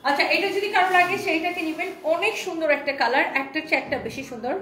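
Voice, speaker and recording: A woman's voice: very high voice, expressive, rapid-fire, crowd noise. A woman hosting a live sales stream, reading viewer comments aloud in an enthusiastic, chatty patter. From Bangladesh. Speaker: online saree seller hosting a live stream. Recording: roomy echo.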